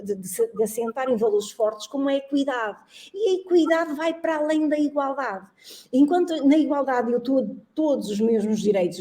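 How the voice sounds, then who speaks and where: Warm-voiced woman, earnest and reflective. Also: on the high side. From Angola. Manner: earnest, reflective, laughs often. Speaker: guest, social entrepreneur and teacher. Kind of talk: interview conversation.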